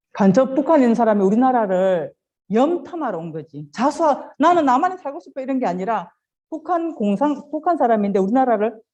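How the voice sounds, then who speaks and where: A woman giving an animated children's sermon, telling stories, asking the children questions and acting out quoted lines. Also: medium pitch. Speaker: children's ministry preacher.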